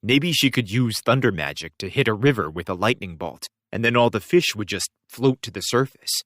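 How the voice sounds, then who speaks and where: Male first-person narrator, wry and expressive; animated delivery, dry. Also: on the low side, normal speed, no room sound. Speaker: audiobook reader.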